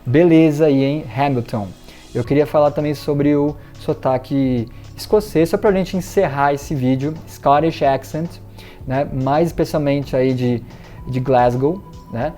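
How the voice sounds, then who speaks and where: A man's voice: fairly high pitch, a little slow, dark tone, soft background music. A man teaching English in a casual video lesson, chatting with many fillers and reading out viewer comments. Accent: Brazilian Portuguese.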